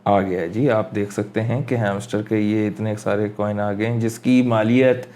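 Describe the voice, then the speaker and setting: A man with a mellow, dark-toned voice talks through a screen-recorded walkthrough. He is casual and thinks aloud as he clicks from step to step, slipping English phrases into his sentences. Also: on the low side, fairly even intonation, normal speed. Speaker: crypto tutorial host.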